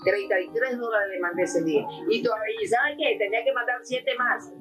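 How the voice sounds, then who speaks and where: A woman's voice: on the high side, brisk, over music, rough recording. An older woman giving a rambling, breathless testimony as a grieving mother, calling the listener mamita and mijo. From Ecuador. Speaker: mother of a prison victim. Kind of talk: emotional testimony.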